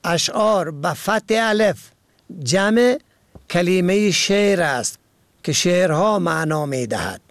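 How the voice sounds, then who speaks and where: A man with an Afghan Dari accent reading a scripted radio program, slow and careful, spelling words out letter by letter. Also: high voice, animated, dry recording, studio quality. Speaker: radio presenter.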